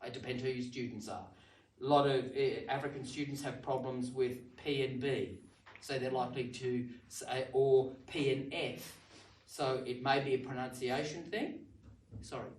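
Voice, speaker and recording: An Australian woman training language teachers, talking in an animated, demonstrative way with strong stress on words. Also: rumbling low, moderate pace. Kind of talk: training session talk. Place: library meeting room. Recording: roomy sound from some distance.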